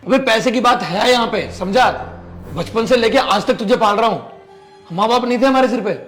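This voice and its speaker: Harsh, high-pitched man as an arrogant older brother, scolding, faint music under it. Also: moderate pace, a bit bright. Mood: angry scolding. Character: arrogant angry elder brother, young man. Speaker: elder brother in a family skit. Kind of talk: scripted family drama skit.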